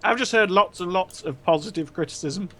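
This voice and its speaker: A man co-hosting a casual gaming podcast, relaxed and rambling with lots of fillers. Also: high voice, fairly quick. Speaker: podcast co-host. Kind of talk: casual chat.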